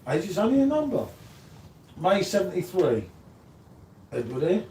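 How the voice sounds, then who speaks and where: A man around fifty runs a casual live-stream chat, teasing and rambling along. His voice sits high for a man and swings widely in pitch. He is picked up from a distance in an echoey room with a faint hum behind. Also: sing-song, normal speed, warm tone. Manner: teasing, rambling, chatty, says "mate" often. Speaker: co-host of live beer review stream. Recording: roomy, off-mic, faint background hum.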